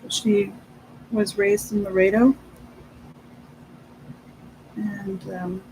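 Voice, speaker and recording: Slow, halting chatter, switching between English and Spanish. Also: medium pitch, little pitch movement, darkish tone, slight background noise, rough recording. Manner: halting, trailing off mid-thought. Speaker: livestream host of an inking session. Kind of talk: casual chat.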